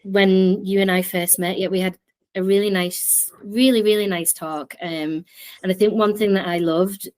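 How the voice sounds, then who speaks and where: A woman hosts an interview podcast with chatty enthusiasm. Her voice sits at a middle pitch and carries easily as she keeps the conversation moving. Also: fairly even intonation, moderate pace, a little mellow. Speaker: podcast host.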